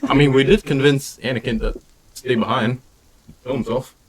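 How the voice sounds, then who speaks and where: A man's voice: medium pitch, fairly even intonation, moderate pace, breathy edge, poor audio. A man chatting casually at the game table as a player in a tabletop role-playing game.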